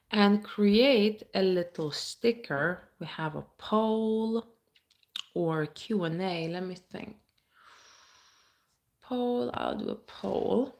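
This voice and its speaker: A woman from the states, chatting casually on a phone live stream, reading viewer comments aloud and answering them. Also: fairly low pitch. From Baltic states.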